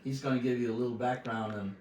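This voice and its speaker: A man hosts a home cooking show, chatting casually and handing over to his guest with short, friendly remarks. His mid-pitched voice comes from some distance across an echoey kitchen, with a faint hiss beneath it. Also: steady tone, fast, darkish tone. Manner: friendly, brief affirmations. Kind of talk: casual chat.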